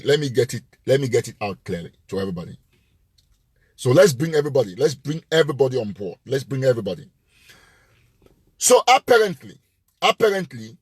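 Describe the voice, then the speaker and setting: A man's voice: mid-range voice, a little mellow, slightly rough, no room sound, studio quality. A man hosting a live show, giving an impassioned, emphatic address that repeats its points with rising force. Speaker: live-show host and political commentator.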